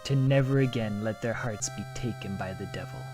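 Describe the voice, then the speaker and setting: Over music, a man reads lines of game text aloud for a video comparing game translations, breaking off with sudden excitement to comment. He is lively and jokey, with a fairly low voice and a brisk delivery.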